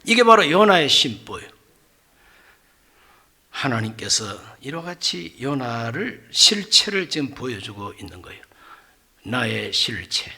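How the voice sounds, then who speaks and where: A middle-aged male pastor preaching a sermon, acting out dialogue with loud exclamations and quiet asides. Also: medium pitch, sing-song, measured pace, long pauses, breathy edge.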